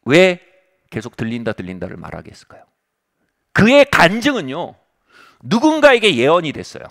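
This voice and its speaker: A man's voice: high-pitched, huge pitch swings, moderate pace, creaky, a bit bright. A middle-aged male pastor preaching a revival sermon, telling a story with humor.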